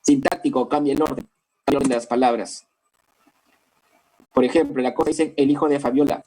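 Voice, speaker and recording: Peruvian man lecturing with a dark voice. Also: medium pitch, steady tone, fairly quick, a little hiss or hum, poor audio. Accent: Peruvian Spanish, Lima. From Peru. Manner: explains step by step, keeps checking with listeners. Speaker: language teacher. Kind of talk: classroom lecture.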